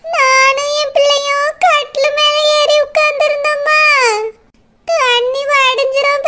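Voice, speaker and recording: A woman's voice: very high voice, pushed and bright, voice pushed up, exaggerated voice. A woman voicing a frightened young village mother who escaped floodwater, speaking tearfully with a Tirunelveli accent. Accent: Tirunelveli Tamil. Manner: tearful, pleading, breathless telling.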